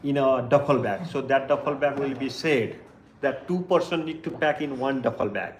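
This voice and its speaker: A man's voice: medium pitch, normal speed, a little hiss or hum. A man, leading a tour and briefing his group in an earnest, repetitive way. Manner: earnest, repeats "like this kind of things". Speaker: tour leader. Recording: echoey room, faint ambience.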